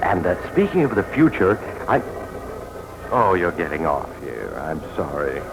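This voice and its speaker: A mysterious storyteller from old radio suspense. His voice is deep, wry and insinuating, as if confiding in a fellow passenger. Clear noise runs under the vintage recording. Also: very animated, a little slow, exaggerated voice. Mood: sly, genial. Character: sly, genial, mysterious male train traveler narrator. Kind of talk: 1940s radio suspense narration. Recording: noisy 1940s radio recording.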